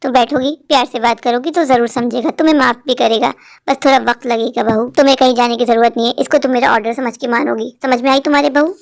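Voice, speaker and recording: A wise, motherly mother-in-law in a cartoon family tale, voiced by a woman. She advises gently, in a voice lower than the other roles, though still high. The sound is dry and close. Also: quick pace, creaky, dry recording. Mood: soothing. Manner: calm, soothing, advising. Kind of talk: dubbed Hindi cartoon story.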